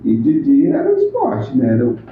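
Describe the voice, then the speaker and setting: A man, recalling local history in a plainspoken, unhurried casual interview. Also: very high-pitched, huge pitch swings, creaky, background noise. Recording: echoey room on a tinny phone-like line.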